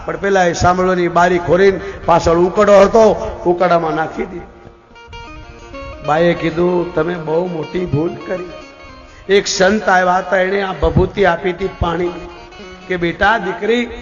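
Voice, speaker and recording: A Gujarati-accented man giving a devotional discourse, telling stories dramatically and acting out the characters' lines. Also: high voice. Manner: dramatic, voicing characters in the story. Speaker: religious storyteller. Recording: dull recording in a reverberant hall.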